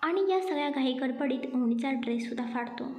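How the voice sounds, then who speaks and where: A woman narrating a dramatic audio story in a steady storytelling manner. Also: sits high, a little fast. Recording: echoey room with faint music.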